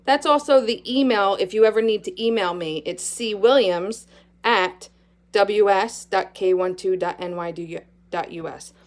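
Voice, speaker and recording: A woman in the role of school principal records an upbeat, sincere morning announcement for students and parents. Her voice is medium in pitch and her pace a little slow.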